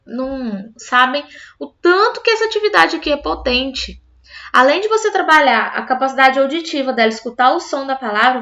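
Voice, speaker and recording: A woman's voice: sits high, sharp tone, lo-fi sound. A woman teacher explaining a classroom literacy activity to other teachers, often checking in with her listeners. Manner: explanatory, addresses listeners as "gente" with frequent "tá?".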